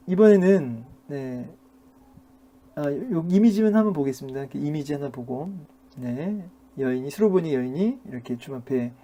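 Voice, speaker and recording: A middle-aged male pastor teaches a Bible class in a sermon-style lecture, keeping it conversational with plenty of fillers and rhetorical questions for his listeners. His voice is warm and on the high side.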